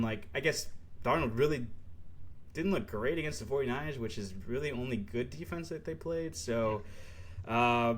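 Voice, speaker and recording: A young man co-hosting a sports podcast, chatting casually and rambling with lots of fillers and laughs. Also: medium pitch. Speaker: podcast co-host.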